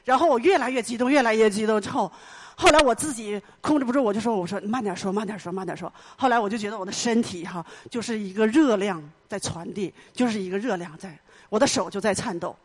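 A woman's voice: a little high, fast talker, hardly any pauses. A middle-aged woman giving an emotional personal testimony in church, telling her story earnestly and with much repetition. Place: church hall.

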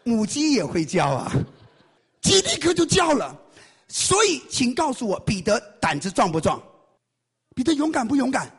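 A man's voice: very high voice, big pitch swings, fairly bright tone, breathy edge. A man preaching a sermon, telling a story with animation and firing questions at his congregation. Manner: quizzes the congregation with rapid questions. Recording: long hall reverb.

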